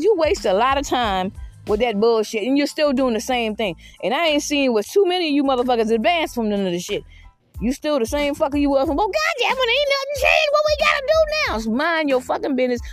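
A woman's voice: sits high, a little mellow. A woman in her fifties giving a blunt, profane, confrontational monologue, full of "you know what I mean" asides. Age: 50s. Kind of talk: defiant monologue rant.

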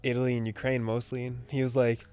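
A young man from Canada co-hosting a podcast, telling stories quickly in a casual, laughing way. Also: mid-range voice, flat delivery, darkish tone, smooth, soft background music. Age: young adult. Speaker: podcast co-host. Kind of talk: casual chat.

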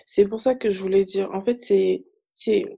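A young woman from Africa talking casually and thoughtfully, often pausing with fillers. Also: medium pitch, fairly even intonation, creaky, warm tone, husky, lo-fi sound. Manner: reflective, hesitant with fillers. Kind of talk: casual chat.

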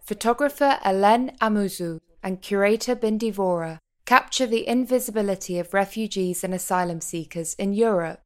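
A woman hosting an arts podcast, reading scripted narration and interview questions in a measured, articulate way. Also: medium pitch.

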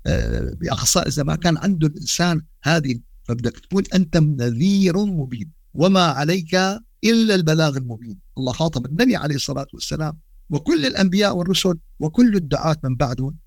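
A man with a Levantine Arabic accent giving a religious podcast lesson, animated and full of rhetorical questions, with Quran quotes woven into his dialect. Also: a little high, fast, creaky, no room sound, clean studio sound. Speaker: Islamic lecturer.

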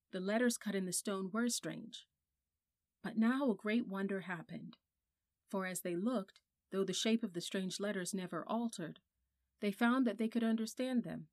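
Female storybook narrator, measured and softly expressive, dry close mic. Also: mid-range voice, no room sound. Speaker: audiobook narrator.

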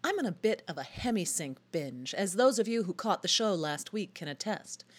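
A woman's voice: lowish voice, big pitch swings, moderate pace, husky. A woman hosting a short radio feature, telling her story as scripted narration in a wry, enthusiastic way.

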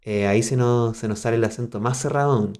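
A man with a Chilean accent, a musician guest on a podcast, speaking in a thoughtful, measured way with dry humor. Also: mid-range voice, darkish tone. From southern Chile. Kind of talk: casual interview.

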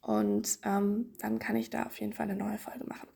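A woman's voice: mid-range voice, little pitch movement, normal speed, vocal fry, mellow, breathy edge. A woman hosting a podcast, casually explaining children's swimming exercises with playful images and frequent fillers. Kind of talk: casual instructional podcast talk.

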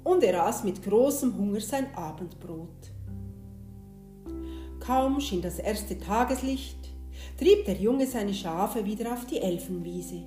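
A woman reading a fairy tale aloud in a gentle, expressive way, in a roomy space with soft guitar behind. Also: mid-range voice, slow. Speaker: storyteller.

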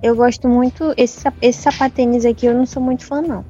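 A woman's voice: on the high side, fairly even intonation, fast talker, mellow, lo-fi sound, soft background music. A woman chatting casually with friends while answering quiz questions, often tagging her sentences with a questioning aside. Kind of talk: casual chat.

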